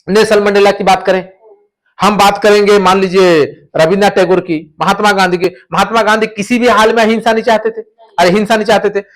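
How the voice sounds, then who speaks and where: A male teacher giving a classroom lecture, explaining points through stories and repeating the key terms. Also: high voice.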